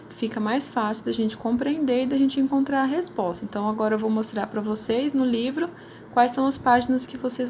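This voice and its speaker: Patient Brazilian woman teacher, higher voice. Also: darkish tone, a little hiss or hum. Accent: Brazilian Portuguese. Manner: patient, explanatory, frequent "né?" tags. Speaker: primary school teacher. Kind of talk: recorded remote class explaining worksheets.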